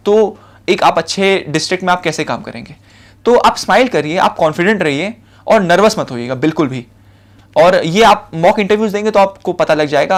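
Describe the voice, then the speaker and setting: A young man with an Indian accent, giving a spoken lecture of interview advice in a casual, conversational way, with fillers and repeated short points. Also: sits high. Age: young adult. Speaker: civil services officer giving interview advice.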